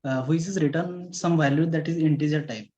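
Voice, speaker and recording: A man's voice: on the high side, fairly even intonation, fairly quick, a little mellow. A man student asking hesitant questions on a video call, with many fillers and polite address. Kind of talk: asking questions in online class. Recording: muffled breaking video call audio.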